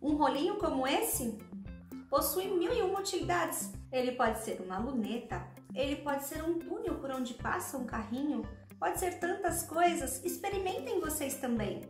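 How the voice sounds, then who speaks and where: A woman's voice: sits high, expressive, normal speed. A woman with a Brazilian accent presenting on children's play as an educator, addressing viewers directly. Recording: echoey room with music bed.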